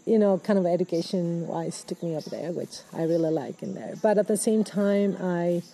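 A Peruvian woman in her fifties, an ecologist, speaking in a thoughtful, halting way with restarts and fillers, recorded outdoors in a rainforest. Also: lowish voice, vocal fry, mellow, low-quality recording. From Peru. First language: Spanish. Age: 50s. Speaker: ecologist guest. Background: birds, people, general activity.

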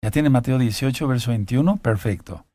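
A man with a dark, mellow voice teaches from the Bible in a deliberate, repetitive way. He reads passages aloud, then breaks off to speak straight to his listeners. The sound is dry and close, with little room in it. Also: medium pitch, dry recording. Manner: slow, deliberate, repeats key phrases. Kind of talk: sermon-style Bible teaching.

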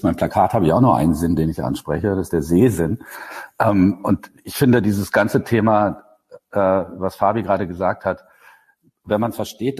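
A man's voice: low voice, darkish tone, breathy edge. A man who produces radio ads, talking casually and at length in a podcast chat, with many fillers and restarts.

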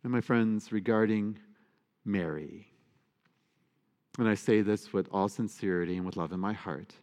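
A man's voice: fairly low pitch, moderate pace, a little mellow. A man, a priest, giving a sermon with earnest emphasis and playful asides. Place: church. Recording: long church reverb.

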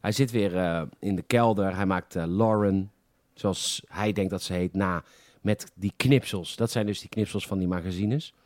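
A man's voice: low voice, normal speed, a little mellow, no echo. A Dutch man co-hosting a podcast, casually retelling film scenes in detail and acting out the characters' quoted lines. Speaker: podcast co-host.

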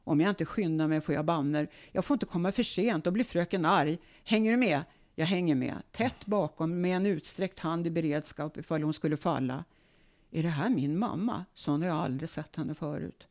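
A woman, a guest author, reading her own memoir aloud in a calm, measured way. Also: deep voice.

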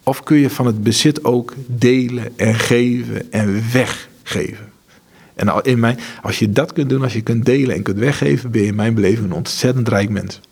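A man's voice: medium pitch, normal speed, vocal fry, darkish tone, slightly rough. A man, director of a charity, talking in an interview with earnest, faith-driven stories and many restarts. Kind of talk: conversational interview.

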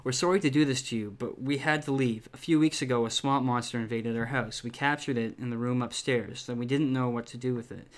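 A man's voice: mid-range voice, steady tone, fairly quick, hardly any pauses, natural voice. A man voicing a cocky young boy in a spooky storybook, in nearly his own voice. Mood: reading. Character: cocky boy, then reading a letter.

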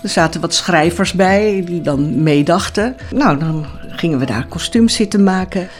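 A woman's voice: fairly low pitch, moderate pace, soft background music. Older woman, chatty, hesitant, reminiscing in interview. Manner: chatty, hesitant, many fillers and restarts. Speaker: former commune resident.

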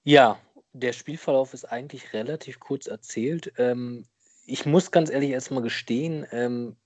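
A man speaking as a podcast guest, casually recounting things in a deliberate, somewhat hesitant way. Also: medium pitch, darkish tone, no room sound. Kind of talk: casual recounting of a football match.

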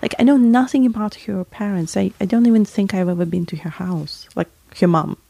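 A woman's voice: mid-range voice, a little fast, vocal fry, dark tone, breathy edge. A woman from Latvia, chatting casually and telling a rambling story, often correcting herself mid-sentence. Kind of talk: casual chat.

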